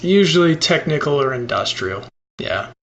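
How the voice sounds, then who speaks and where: Gravelly man on a lo-fi podcast line. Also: on the high side, very animated, normal speed, fairly bright tone. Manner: technical, matter-of-fact, with stutters and restarts. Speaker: podcast guest, 3D animator. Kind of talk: casual podcast chat. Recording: dull lo-fi sound with faint noise.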